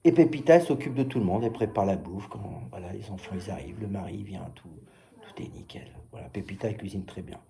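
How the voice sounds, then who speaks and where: Chatty French man with a mellow voice. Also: fast talker, creaky. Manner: chatty, jokey, lively pitch with many fillers. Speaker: salesman. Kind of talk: casual sales patter and storytelling.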